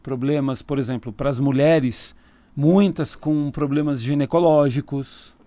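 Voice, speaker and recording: A man's voice: medium pitch, steady tone, unhurried, dark tone, no room sound. A man with a Brazilian Portuguese accent, a tarot reader talking casually as a radio interview guest, explaining at length and laughing easily. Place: radio studio.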